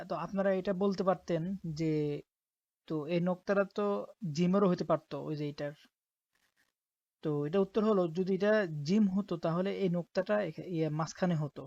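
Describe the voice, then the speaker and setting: A woman's voice: on the low side, a little mellow, no room sound. Patient woman spelling out syllables. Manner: patient, spells out each syllable slowly and repeats it. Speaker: Quran reading teacher. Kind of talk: step-by-step reading lesson. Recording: dull, dry close recording.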